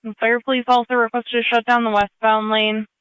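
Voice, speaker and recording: A woman's voice: a little high, little pitch movement, brisk, fairly bright tone, smooth, no echo. A woman dispatching police, fire and ambulance calls over two-way radio in clipped, procedural set phrases. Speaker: emergency services radio dispatcher. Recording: slightly muffled scanner radio feed.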